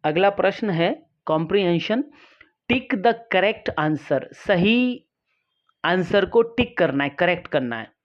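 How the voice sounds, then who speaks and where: Woman teacher, low voice, slow and patient, explaining a lesson, dull lo-fi recording. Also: animated. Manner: slow, patient, reads English lines then explains them.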